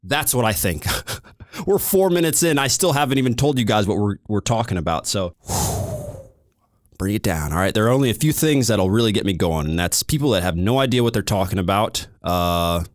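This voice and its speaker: American male podcast host; fiery, emphatic ranter with a very lively pitch. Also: moderate pace, no echo, clean studio sound. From United States. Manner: heated, animated, emphatic. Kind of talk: ranting podcast monologue.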